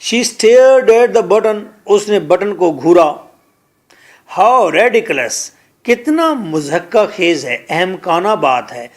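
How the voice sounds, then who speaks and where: This English lesson comes from a very animated man with a high voice and a Pakistani accent. Line by line, he reads slowly, translates, and explains, repeating words often.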